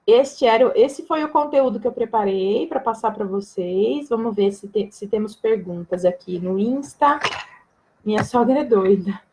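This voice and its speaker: A woman's voice: fairly high pitch, moderate pace, darkish tone, low-quality recording. A woman giving a live-stream talk to viewers as a breastfeeding educator, explaining things plainly, checking often that she is understood and joking casually with her audience. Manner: casual and direct with viewers, jokes and laughs.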